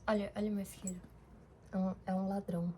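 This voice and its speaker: This vlogger, a young woman from Brazil, chats loosely in diary fashion, wandering, using fillers and correcting herself. Her mid-range voice is flat, somewhat fast and dark in tone, with faint hiss or hum present.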